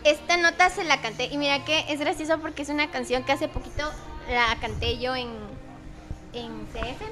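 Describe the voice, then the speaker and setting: High-voiced chatty young woman. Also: fairly even intonation, normal speed, over music. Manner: chatty storyteller, laughs often, acts out quoted dialogue. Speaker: podcast host. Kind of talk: casual chat.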